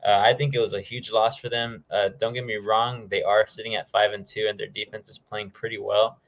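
A man's voice: fairly low pitch, little pitch movement, a little fast, low-quality recording. A man hosting a sports show, talking casually and informally through his game predictions. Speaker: host of a football picks show.

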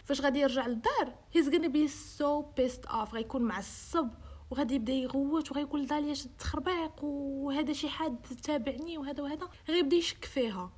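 A young woman with a Moroccan accent hosts a casual chat, recounting a true-crime story while switching into English and acting out quoted dialogue. Her voice sits high, fast and a little mellow.

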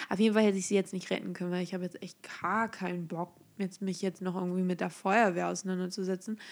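A young adult woman telling a story in a casual, sarcastic way, dropping into hushed asides. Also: on the low side. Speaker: vlogger.

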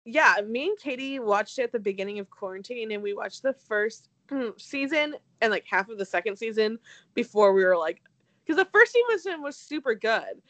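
A woman co-hosting a casual podcast, talking haltingly with stammered restarts and many fillers, with a dry, self-deprecating streak. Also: on the high side, animated, fairly bright tone, dry recording. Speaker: podcast co-host.

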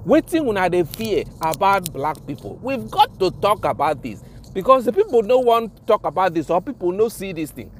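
A man with a Nigerian accent and a high-sitting, sing-song voice at normal speed rants in a vlog monologue over slight background noise. Indignant and impassioned, he mixes Pidgin with English, swears, and repeats himself for emphasis.

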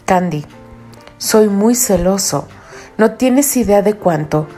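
A woman's voice: medium pitch, lively intonation, slow, dark tone, soft background music. A woman voicing a jealous, stern young man. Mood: intense. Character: jealous arrogant young man, possessive lover. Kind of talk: audiobook reading.

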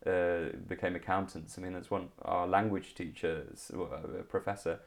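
A thirty-something Englishman from Liverpool, a comedian with a Liverpool accent, talks casually as an interview guest with many ums and restarts. His low-pitched voice shows little pitch movement and keeps a moderate pace.

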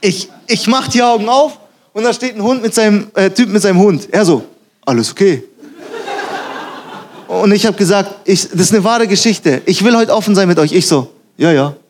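A young man preaching a sermon, telling animated stories, acting out quotes and laughing at himself. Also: high voice, a little fast.

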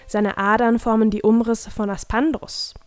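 A woman's voice: fairly high pitch, flat delivery, normal speed, darkish tone, dry recording, natural voice. A woman reading the lines of a big, proud male forest creature who fusses over his garden, lecturing fondly, in a dry, close recording. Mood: proud fussy.

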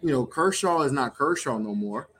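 A man's voice: mid-range voice, expressive, moderate pace, a bit bright, a little hiss or hum. A man talking loosely on a sports podcast. He rambles, restarts his sentences and leans on fillers. He speaks as a guest who runs the network behind the show. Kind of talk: casual sports podcast chat.

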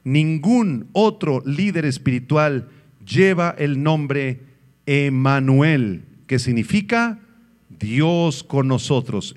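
Male preacher, slightly high voice, emphatic sermon delivery with call-and-response questions. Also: a little mellow. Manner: emphatic, asks the congregation questions and answers them.

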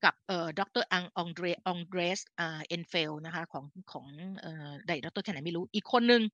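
A woman's voice: lowish voice, a little fast, a bit bright, no echo, muffled recording. A woman hosting a live health talk in a chatty, older-sister way, often correcting herself mid-sentence. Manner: chatty, with frequent self-corrections and fillers; speaks to listeners as an older sister. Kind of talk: casual explanatory live talk.

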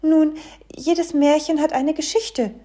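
A woman's voice: high-pitched, fairly even intonation, slow, dark tone, pitched above the performer's own voice. A woman reading a storybook, voicing a shy, curious young fairy tale who speaks in an eager, raised voice. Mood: wondering.

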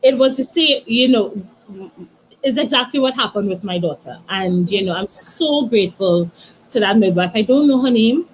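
Soft-spoken woman telling a personal story. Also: a little high, expressive, slight background noise, poor audio. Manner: soft, halting, many restarts and "you know". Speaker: guest, author.

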